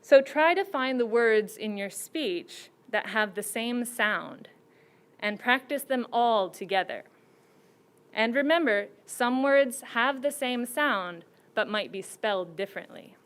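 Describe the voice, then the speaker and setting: Woman, speech-contest judge, fairly high voice, deliberate, teacherly, prepared address. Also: animated, smooth. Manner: slow, deliberate, teacherly, with rhetorical questions. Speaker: contest judge giving advice.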